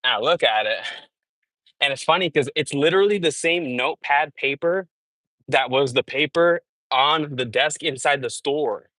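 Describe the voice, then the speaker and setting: Man streamer, walking on a treadmill, forceful bright voice, dry close sound, casual storytelling. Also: a little high, moderate pace, no echo, low-quality recording. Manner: animated storytelling, peppered with "bro" and "dude"; talking while walking on a treadmill. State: sweating from exercise. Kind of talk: casual live-stream chat.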